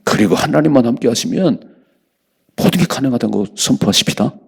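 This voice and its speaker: A man's voice: medium pitch, lively intonation, a little fast, creaky, a little mellow, husky. A man preaching an early-morning sermon as a pastor in a church, exhorting the congregation and calling for amens. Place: church sanctuary.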